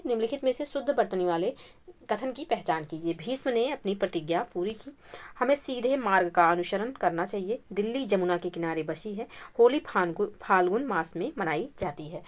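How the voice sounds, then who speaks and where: A woman takes listeners through exam questions one by one in a calm, explanatory lesson. She repeats each correct answer for emphasis. Crickets chirp faintly outside her home at night. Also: medium pitch. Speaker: Hindi exam-prep teacher. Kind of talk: spoken quiz lesson.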